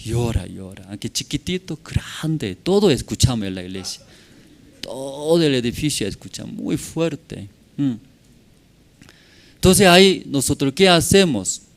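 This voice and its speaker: A male pastor preaching a Sunday sermon in church. He speaks in short, simple phrases and keeps checking in with the congregation. His delivery swings between loud, emphatic bursts and quiet asides. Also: medium pitch, big pitch swings, unhurried. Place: church service.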